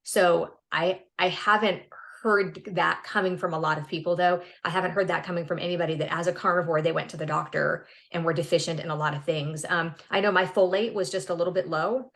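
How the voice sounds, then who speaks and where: A woman in her fifties, guesting on a podcast, talks earnestly and upbeat in a casual interview, often restarting words. Her voice is lowish, gravelly and a bit bright, steady in tone, fairly quick, with hardly any pauses.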